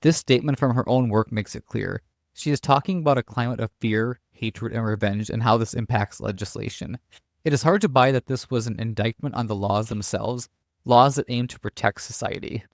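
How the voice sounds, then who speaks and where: A man's voice: medium pitch, brisk, creaky, dry recording, clean studio sound. A man reading scripted political commentary as a narrator, opinionated and declarative.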